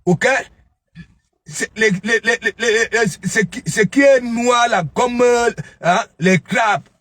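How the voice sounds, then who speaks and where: A man's voice: extremely high pitch, takes it slowly, fairly bright tone, no echo. A man giving a taunting, scolding commentary, mocking his target and repeatedly asking "hein?". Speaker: online gossip commentator. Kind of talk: ranting live commentary.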